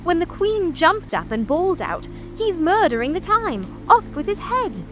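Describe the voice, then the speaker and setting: A high, wildly animated storybook hatter, grumbling one way and mournful the next. The delivery is theatrical and singsong, with music underneath. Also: female voice, normal speed, exaggerated voice. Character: mad Hatter, grumbling, mournful, whimsical tea-party eccentric. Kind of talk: full-cast dramatic audiobook reading.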